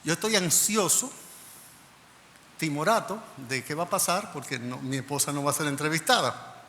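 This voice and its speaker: A male pastor from the Dominican Republic tells a story from the pulpit in an animated sermon voice. His tone is bright and a little high. The room carries a long reverb with faint background noise. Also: normal speed. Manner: animated storytelling, acting out dialogue.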